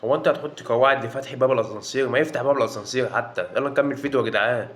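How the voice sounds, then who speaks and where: Rapid-fire Egyptian man reacting. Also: medium pitch, a bit bright. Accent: Egyptian Arabic. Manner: exclaiming, joking, swears oaths often. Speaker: reaction video host. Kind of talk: casual reaction commentary.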